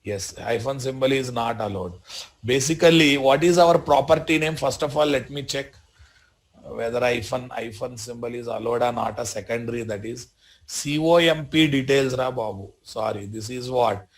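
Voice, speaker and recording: A man with a Telugu Indian accent teaches a live software tutorial as an instructor, repeating short phrases and often checking that learners follow. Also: mid-range voice, normal speed. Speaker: programming instructor.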